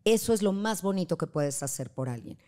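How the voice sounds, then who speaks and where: A woman's voice: lowish voice, expressive, a little fast. A woman guest on a podcast talking about grief, telling stories and acting out what people say. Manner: warm storytelling, acts out quoted voices. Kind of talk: casual podcast conversation.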